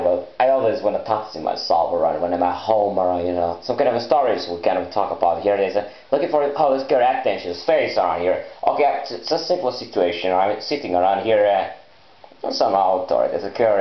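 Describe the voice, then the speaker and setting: A man who is not a native English speaker, talking in a rambling, unscripted solo vlog with halting, repetitive, loosely broken phrasing. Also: low voice, animated. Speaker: vlogger. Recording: echoey room, dull muffled sound.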